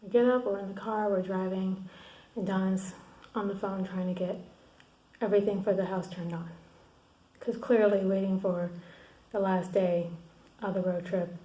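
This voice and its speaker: A woman recording a candid video diary alone in her room at night, venting and swearing about a hard day, often dropping to a hushed, half-whispered voice. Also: mid-range voice, fairly even intonation, normal speed, long pauses, reverberant, poor audio. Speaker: vlogger.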